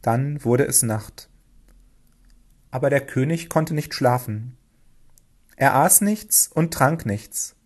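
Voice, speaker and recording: A man reading a children's storybook aloud, lively and expressive. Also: mid-range voice, slow pace, long pauses. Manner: expressive, lively, acts out dialogue.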